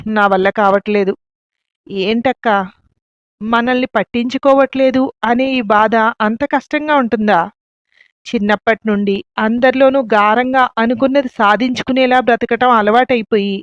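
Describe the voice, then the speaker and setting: A woman voicing a heartbroken young wife, weary and quietly defiant. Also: a little high, fairly even intonation, moderate pace, no room sound, close to an everyday voice. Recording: dull lo-fi, dry.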